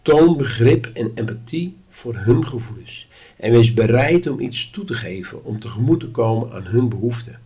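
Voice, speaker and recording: A man giving a calm, instructive spoken lesson at a measured pace. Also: mid-range voice, slightly rough. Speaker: course teacher.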